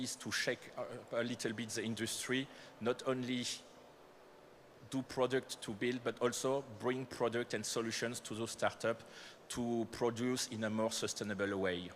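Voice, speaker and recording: In a conference hall, a corporate speaker from France presents startup programs in a voice on the low side. His French accent is clear, his talk is full of fillers and self-corrections, and there's a slight hiss or hum.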